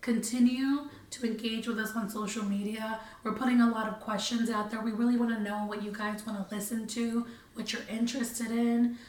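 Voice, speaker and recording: A woman co-hosting a casual podcast in a living room, her voice hoarse and worn, talking in quick chatty bursts. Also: a little high, flat delivery. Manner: chatty, quick, laughing between lines. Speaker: podcast co-host. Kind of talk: casual chat. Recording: roomy echo, mic far off.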